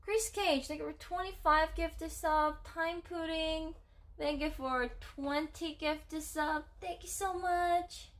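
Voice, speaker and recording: A woman's voice: very high-pitched, fairly even intonation, slow. A woman chatting casually on a livestream in a playful, girlish way, thanking her subscribers. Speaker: live streamer.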